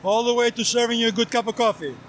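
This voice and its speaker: A Greek coffee vendor with a Greek accent speaks fast, making an earnest sales pitch outdoors at a race event.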